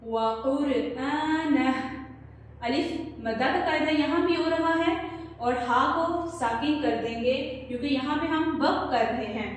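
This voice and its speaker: A woman teaching children Quran recitation with an Urdu accent, slowly modelling each word for them to repeat. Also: sits high. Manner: slow, patient, models recitation for pupils to repeat. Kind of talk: tajweed lesson for children. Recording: echoey distant room recording.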